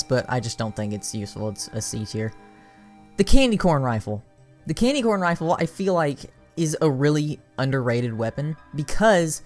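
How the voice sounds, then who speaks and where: A tired-sounding gaming creator talks loosely through a tier list, stumbling over restarts and fillers before getting suddenly excited. The pitch sits in an ordinary middle range, and soft music plays faintly underneath. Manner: rambling and filler-heavy, with restarts and bursts of excitement. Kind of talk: casual tier-list commentary.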